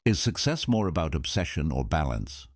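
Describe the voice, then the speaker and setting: A man's voice: very deep voice, sing-song, normal speed. A man acting as interviewer, putting short scripted questions. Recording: faint background noise.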